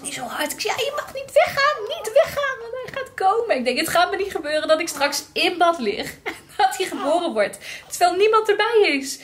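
A woman vlogging about a personal experience, telling it lively and acting out what people said. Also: medium pitch. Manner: lively, recounting with acted-out quotes. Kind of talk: personal storytelling vlog.

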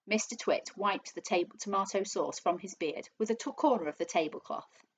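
A teacher reading a children's book aloud to her class, with expressive storytelling. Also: medium pitch, fairly quick, muffled recording, slight background noise.

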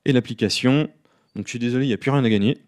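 A man giving a live coding talk at a conference, relaxed and self-deprecating, with many fillers. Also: mid-range voice, racing. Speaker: conference speaker. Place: conference room.

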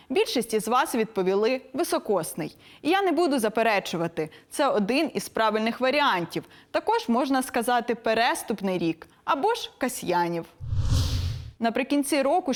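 Crisp, didactic young woman. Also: on the high side. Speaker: philologist presenting a language lesson. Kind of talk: scripted educational presentation.

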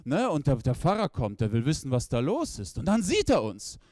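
A man doing stand-up storytelling on a stage with no audience, animated and acting out characters in the story. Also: mid-range voice, brisk, no room sound, studio quality. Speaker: stand-up comedian.

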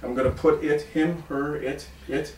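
A middle-aged man delivers theatrical magician's patter in a slightly high voice. He banters playfully and instructs the crowd like a showman. He is recorded from a distance in a roomy, echoing space. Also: fairly even intonation, a little slow, darkish tone. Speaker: stage magician, performer. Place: indoor room with small stage setup. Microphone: far camera. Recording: roomy, distant camera mic with background noise.

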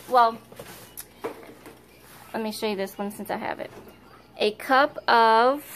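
Chatty woman with a high voice. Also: fairly bright tone. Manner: chatty, rambling, self-correcting. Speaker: home video maker. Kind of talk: casual how-to demonstration. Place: home kitchen, indoors.

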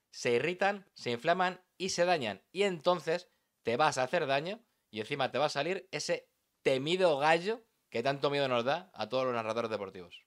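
A man's voice: a little high, a bit bright. A man from teaching sports narration, talking emphatically and dramatically, addressing the listener directly. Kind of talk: instructional voice-over lesson.

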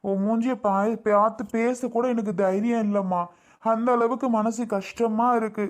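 A woman voicing an older father who gently advises his daughter as she leaves home. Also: fairly high pitch, fairly even intonation, moderate pace, lightly acted. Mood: tearful. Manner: tearful, pleading, gentle advice. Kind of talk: family skit acting.

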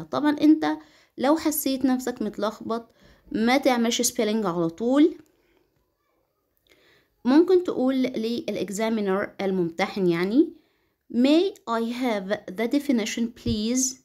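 A middle-aged woman with an Egyptian Arabic accent, explaining a lesson to children as an English teacher, patient and slow when she says English phrases. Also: on the high side, mellow. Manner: patient, speaks English phrases slowly and clearly.

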